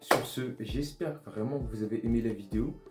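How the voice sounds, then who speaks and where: A man's voice: medium pitch, brisk, over loud music. A man casually reacting to artworks, thinking aloud and sounding amused as he discovers each one. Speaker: art vlogger.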